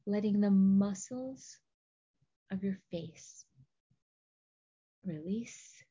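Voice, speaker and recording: A woman leads a guided meditation very slowly, with long pauses. Her voice is soft, breathy and mellow, soothing throughout. The audio is slightly dull and lo-fi. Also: medium pitch. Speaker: show host leading a guided meditation.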